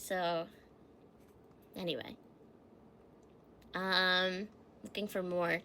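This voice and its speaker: A woman's voice: fairly high pitch, bright, forceful tone. A woman streamer in casual livestream chat, giggling as she reads facts aloud and answers her chat. She sounds a little stuffy from allergies.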